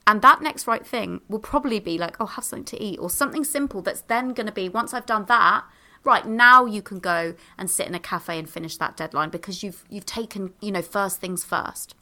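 A bubbly woman chats as a podcast guest, full of little exclamations and fillers as she hands out advice. Her voice is bright and forward, with a crisp edge, and she speaks into a handheld microphone. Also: mid-range voice, moderate pace. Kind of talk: casual advice in conversation.

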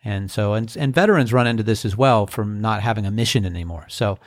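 Relaxed, reflective man hosting a podcast. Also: fairly low pitch, dry recording, studio quality. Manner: relaxed, reflective, unhurried, many ums and uhs. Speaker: podcast host. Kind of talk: casual solo podcast monologue.

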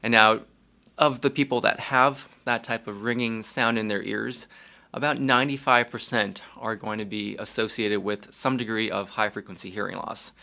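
Ear doctor guest, male, low and gravelly, calm and measured explainer. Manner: calm and measured, with small restarts. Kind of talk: explaining medical facts.

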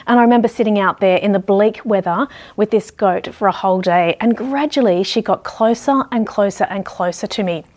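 A woman from Australia with an Australian accent, teaching through conversational storytelling in a halting, reflective way. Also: medium pitch, darkish tone. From Ballarat, Australia. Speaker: dog grooming educator.

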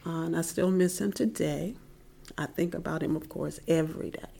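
A middle-aged woman giving a heartfelt personal faith testimony in an interview, soft-spoken and at times dropping to a whisper. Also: sits low, moderate pace, vocal fry, husky.

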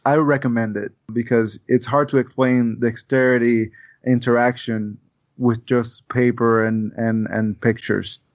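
A game designer from Puerto Rico, whose first language is Spanish, joins a casual podcast chat as a guest. He is earnest and repeats words while thinking, speaking a little slowly in a flat, medium-pitched voice. The line is dull and dry, with no room sound.

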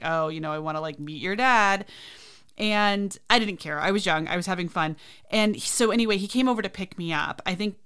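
A woman hosting a podcast, telling a personal story in a chatty, animated way and acting out the voices of people she quotes. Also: fairly low pitch, clean tone. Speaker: podcast host. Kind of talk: casual storytelling.

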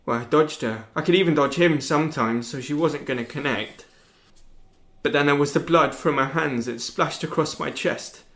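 A bitter, detached teenage boy, played by a young man in a stage drama. His gravelly voice sits a little high for a man. He is cold and sullen, then snaps into shouting. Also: moderate pace. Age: young adult.

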